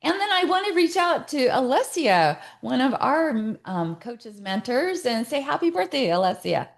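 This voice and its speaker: An enthusiastic woman hosting a podcast, with a fairly high voice. She talks in a chatty, casual way while welcoming her guest. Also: sing-song, moderate pace, creaky. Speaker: podcast host.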